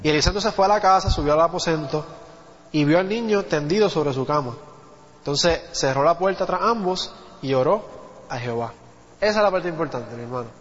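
High-voiced preacher in a reverberant hall. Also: male voice, fairly quick. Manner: conversational Bible teaching, asks the congregation "¿viste?". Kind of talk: sermon. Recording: dull audio with long hall reverb.

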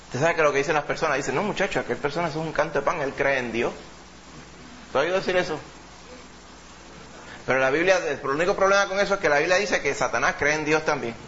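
A man preaches emphatically, pressing points through repetition in a somewhat high voice. The recording is slightly dull and muffled, with a faint hum of ambience behind him. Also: a bit bright. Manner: emphatic, repeats words, addresses "hermano". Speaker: pastor. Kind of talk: sermon.

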